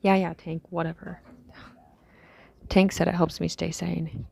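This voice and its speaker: A woman acts out a weary young female survivor speaking into a recorder for an audio drama diary. Her voice is low, dark and mellow, with heavy vocal fry. She muses haltingly and low-key, her phrases trailing off breathily. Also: flat delivery, slight background noise. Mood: weary, resigned. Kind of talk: scripted audio diary monologue, fiction drama.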